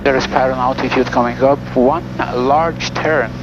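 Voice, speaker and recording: A man with a mid-range voice speaks at normal speed in a steady tone. He's a student pilot flying solo, narrating to himself and making radio calls inside a small plane in flight. The cockpit audio is dull, with clear engine noise.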